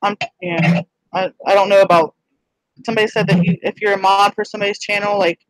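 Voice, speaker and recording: A woman's voice: mid-range voice, steady tone, fast talker, no room sound, rough recording. Rambling, hesitant woman on a dry mic. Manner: rambling, hesitant, full of restarts. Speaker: channel owner and co-host. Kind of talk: casual livestream chat.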